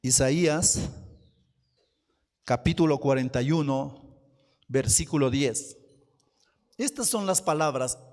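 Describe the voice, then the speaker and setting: A man preaching a sermon as pastor, slow and emphatic, asking the congregation questions. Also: mid-range voice, a little mellow, in a large hall. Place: church hall.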